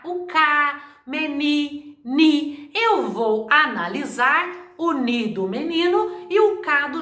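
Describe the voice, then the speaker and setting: A woman teaching a grammar video lesson, drawing out example words slowly to stress their syllables. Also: high voice, bright, forceful tone, reverberant.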